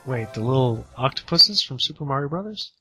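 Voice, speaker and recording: Podcast host, male, bright husky voice, easygoing and quick to laugh at his slips. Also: medium pitch, expressive, faint music behind, poor audio. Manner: laughs off his own flubs and retakes. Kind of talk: casual gaming podcast chat.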